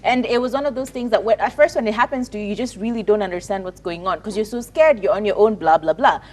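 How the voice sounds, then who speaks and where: Earnest Kenyan woman, mid-pitched, on a panel. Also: fast talker, darkish tone. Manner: earnest and emphatic, repeating words and phrases. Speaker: talk show panelist. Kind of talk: conversational personal commentary.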